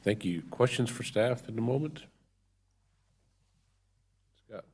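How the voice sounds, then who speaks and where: A man's voice: medium pitch, expressive, slow, darkish tone. A man chairing a public board meeting, moving through formal procedure with informal asides.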